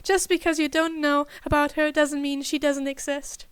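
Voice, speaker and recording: A woman's voice: high-pitched, level tone, normal speed, no room sound, natural voice. A woman voicing a goofy teenage boy. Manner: cheeky, teasing.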